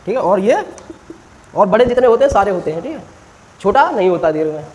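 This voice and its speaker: A man's voice: high-pitched, very animated, fast, a little mellow, poor audio. A man teaching a classroom grammar lesson, quizzing students with short questions and stretching vowels out to demonstrate.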